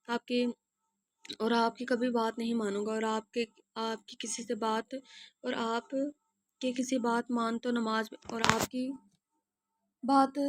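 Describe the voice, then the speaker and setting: A hoarse woman reading a romance novel aloud and voicing all its characters, often clearing her throat and restarting words. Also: no echo, studio quality. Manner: narrow pitch range, stumbles and restarts words. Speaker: audio novel narrator.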